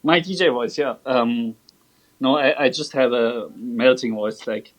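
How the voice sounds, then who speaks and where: A man's voice: mid-range voice, measured pace, low-quality recording. A man co-hosting a live stream, presenting songs hesitantly with restarts and fillers. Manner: hesitant, restarts often, working from a script. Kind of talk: casual livestream chat.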